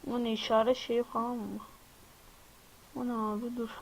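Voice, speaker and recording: A man's voice: very high voice, flat delivery, moderate pace, creaky, noisy background. A man casually commenting while playing a game, talking to his viewers and exclaiming whenever something startles him. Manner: chatty, jumpy, exclaims at surprises and addresses viewers. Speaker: gaming video host. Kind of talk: casual let's-play commentary.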